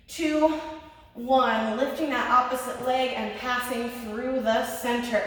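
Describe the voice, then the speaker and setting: Woman, fitness instructor, encouraging, counting down, slightly breathless, long echo, distant mic. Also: high voice. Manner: encouraging, cueing each move step by step. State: a little out of breath. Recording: echoey room, voice from off-mic.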